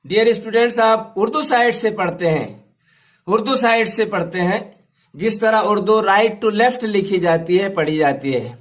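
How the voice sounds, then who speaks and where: Slow, high-pitched male teacher. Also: animated. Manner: drawn-out sounds, repeats each word to students. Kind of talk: slow step-by-step language lesson.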